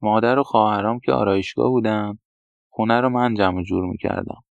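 A man voicing a young man raised among women, quietly confiding about his childhood. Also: lowish voice, steady tone, gravelly, no echo. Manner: quiet, confessional recounting. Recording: dull, dry lo-fi recording.

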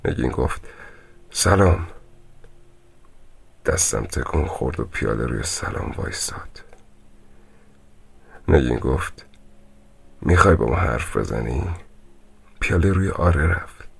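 A man playing a grim storyteller in a horror radio drama, recounting a ghost encounter in a slow, hushed voice that often drops to a whisper. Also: very deep voice, animated, creaky, husky, full character voice. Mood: dread. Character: grim older man in a hospital, warning a visitor.

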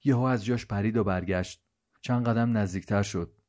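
A man reading a scripted story aloud as narrator, with a slow, measured, hushed delivery. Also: lowish voice.

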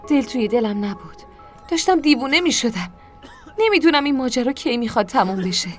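A woman's voice: on the high side, sing-song. A woman narrating a dramatic first-person story in an emotional voice. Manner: emotional, shifts to screaming anger in dialogue. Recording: music behind.

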